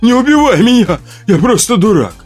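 A man's voice: sits high, very animated, measured pace, slightly rough, faint music behind, voice pushed up, full character voice. A man putting on a snarling knife-wielding stalker. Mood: pleading. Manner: snarling then whining and pleading. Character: menacing male stalker, later sobbing coward.

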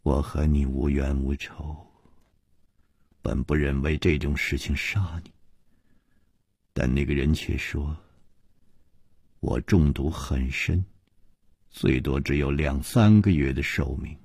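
Brief: grave, hushed, despairing poisoned character, voiced by a male storyteller, low and slow. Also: steady tone, husky, no echo, clean studio sound, exaggerated voice. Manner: low, slow, half-whispered.

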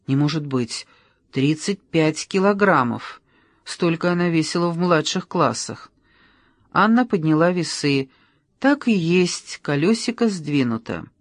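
Even-voiced audiobook reader, dry sound. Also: mid-range voice, no echo. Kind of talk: scripted narration.

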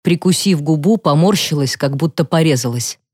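A woman narrating a psychological thriller audiobook in the first person with a steady, measured reading. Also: sits low, slightly rough, dry recording, clean studio sound.

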